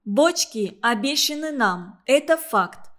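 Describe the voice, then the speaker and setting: Woman reading a level-headed girl leader, firm, stern, storybook voice, slightly high. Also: lively intonation, slow, a bit bright, heavily acted.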